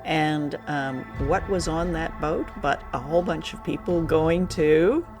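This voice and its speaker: Over music, a low-pitched woman speaks unhurriedly as she co-hosts a podcast. Her casual review chat involves explaining things, often with hesitant phrasing.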